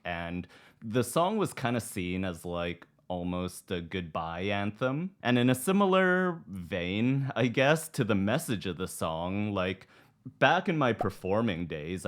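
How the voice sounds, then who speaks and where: A man with a croaky, strained voice giving casual, self-deprecating commentary as a music reaction host. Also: sits low.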